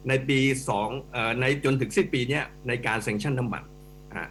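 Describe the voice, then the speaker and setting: A middle-aged man, an economics professor, giving animated, emphatic commentary as a guest on a radio talk show and addressing the hosts directly. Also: medium pitch, moderate pace. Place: radio studio. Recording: radio studio with faint mains hum.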